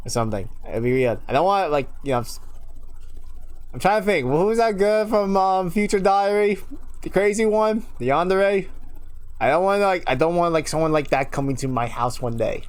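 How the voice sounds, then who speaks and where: A young man from New York rambles casually to viewers on a live stream in a high-pitched, animated voice at normal speed. He chuckles a lot, often loses his train of thought, and carries a slight unusual lilt left over from a childhood speech impairment.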